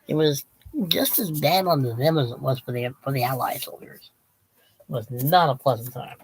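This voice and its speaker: A channel host with a mid-range voice, speaking at normal speed, is losing his voice as he rambles casually about his books, restarting sentences and wandering off topic. The audio is poor, with a little hiss or hum.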